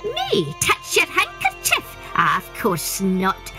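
A woman's voice: on the high side, wildly swooping pitch, slow, music in the background, voice pushed up, exaggerated voice. A woman voicing a sly little old male leprechaun, wheedling and tricky.

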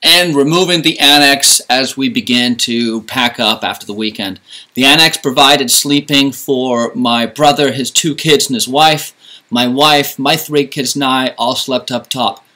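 A man's voice: mid-range voice, measured pace, bright, forceful tone. A man in his thirties walking through his camping gear outdoors, with dry joking asides. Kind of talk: casual gear walkthrough. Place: outdoors in a driveway and at a campsite.

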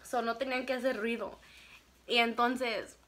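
A woman's voice: on the high side, moderate pace. A young woman telling a casual storytime, laughing often and acting out what people said. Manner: animated, laughs often, acts out quotes. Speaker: vlogger telling her story.

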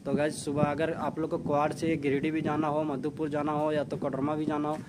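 A man's voice: a little high, completely flat delivery, brisk, noisy background. A young man from India with a Jharkhand Hindi accent, talking casually as he walks around a small railway station for his vlog, saying "guys" often. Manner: chatty, repeats "guys" often. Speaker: vlogger. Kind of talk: casual walking travel vlog.

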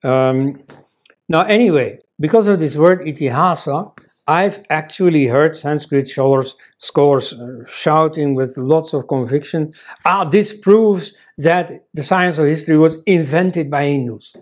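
Seated at a desk in an office, the older Belgian man, whose first language is Dutch, lectures conversationally and keeps adding "you see." His voice runs on the high side, slightly slow and somewhat mellow.

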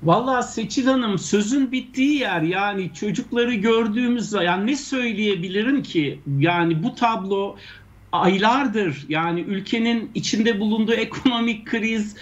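A man speaking as an anthropologist guest on a news show, giving critical commentary in a halting way full of pauses, restarts and rhetorical questions. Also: sits high, dull audio.

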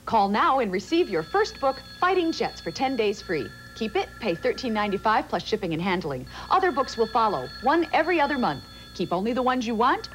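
American lady doing tv sales pitch, highish animated voice. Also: low-quality recording. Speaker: commercial spokeswoman.

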